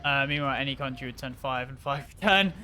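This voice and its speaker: A young man streaming a game, rambling in casual commentary, swearing freely and breaking into excited outbursts. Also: mid-range voice, fast talker, soft background music.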